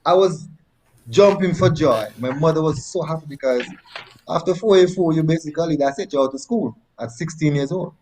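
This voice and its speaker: A man's voice: a little high, normal speed, darkish tone, poor audio. A man from Nevis with a Nevisian Caribbean accent, telling personal stories conversationally and repeating phrases for emphasis. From Nevis, Saint Kitts and Nevis. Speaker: interview guest, former track athlete.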